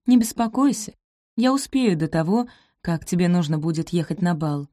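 A woman's voice: on the low side, lively intonation, moderate pace, dark tone, dry recording, clean studio sound, close to an everyday voice. A woman voicing a patient kind young maid. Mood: reassuring. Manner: soothing, reassuring.

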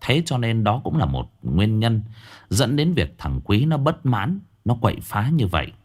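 Lively low-voiced male horror storyteller. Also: measured pace. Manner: dramatic, drops pitch for suspense. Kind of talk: scripted narration. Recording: faint background music.

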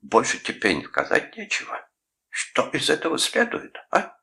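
Man reading as self-righteous uncle, preachy, very deep gravelly voice, bright edge; audiobook. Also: expressive, full character voice. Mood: indignant. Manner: preachy, lecturing, drawn-out phrases. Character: pompous sanctimonious middle-aged uncle, menacing.

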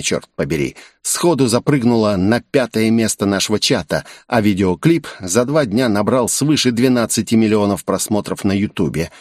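A man's voice: darkish tone, no room sound, clean studio sound. A man voicing a flashy young TV chart show host who shrieks his announcements in an audiobook. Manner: showy, shrill announcing. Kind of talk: audiobook character voice.

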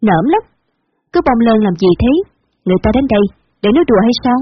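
A woman's voice: medium pitch, animated, a little fast, a little hiss or hum, lightly acted. Woman playing a brash, bossy older woman. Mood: scolding. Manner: brusque, commanding, teasing. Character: brash, bossy middle-aged woman, mocking and loud. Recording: dull lo-fi recording.

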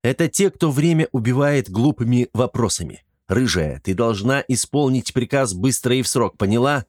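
A man's voice: mid-range voice, animated, moderate pace, darkish tone, no room sound, studio quality, pitched above the performer's own voice, natural voice. Man doing a brusque, irritable young lord. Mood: scolding. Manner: brusque, exasperated, commanding. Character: irritable young lord commanding his men.

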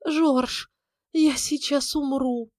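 A woman voicing a hysterical, pleading middle-aged wife with a shrill, tearful manner. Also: fairly even intonation, drawn-out words, a little mellow, no echo, studio quality. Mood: tearful plaintive.

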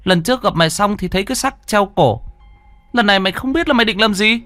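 A man voicing a brash older village man who talks roughly and scolds. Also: high-pitched, animated, quick pace, pushed and bright, dry recording, faint music behind, pitched above the performer's own voice. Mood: scolding. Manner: blunt, scolding.

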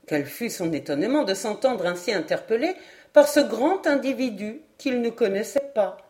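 A woman reading a classic adventure novel aloud as an audiobook narrator, in an expressive literary style. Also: a little high, normal speed. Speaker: audiobook reader. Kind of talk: scripted narration.

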